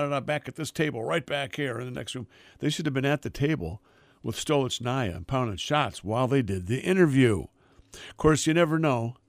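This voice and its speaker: A man's voice: medium pitch, no echo. Man hosting radio, dry close sound. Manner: freewheeling, digressive, emphatic enthusiasm. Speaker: radio music show host. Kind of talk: casual rambling radio chat.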